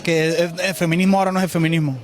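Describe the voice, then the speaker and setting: In a city street interview outdoors, a Cuban man in his twenties answers forcefully and outspokenly with a Cuban Spanish accent. His voice is a little high, with little pitch movement, and he talks at a racing pace.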